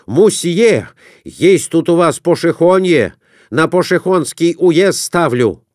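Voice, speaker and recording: Man doing a loud stubborn merchant, folksy shouting, storybook reading, dry close sound. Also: fairly high pitch, expressive, slow pace, no echo, pitched above the performer's own voice. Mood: rowdy.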